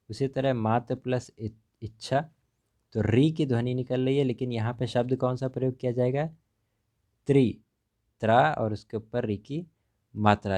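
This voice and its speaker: Man teaching grammar, mellow tone. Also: medium pitch. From India. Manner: repeats key words and keeps asking "what does it become" before answering. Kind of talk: grammar lesson explaining examples step by step.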